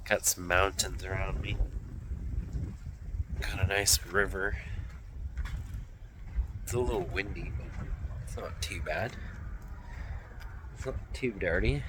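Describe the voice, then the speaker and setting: Against a noisy background, a lowish-voiced man from Canada talks casually to camera about his van life travels. He sounds congested and stuffy, and his chatty talk rambles and drifts off on tangents.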